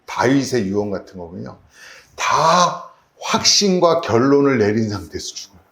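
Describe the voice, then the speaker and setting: Guy pastor giving a sermon, lively up and down voice, keeps asking the people questions, roomy church sound. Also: mid-range voice, moderate pace. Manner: animated preaching, rhetorical questions to the congregation. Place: church sanctuary.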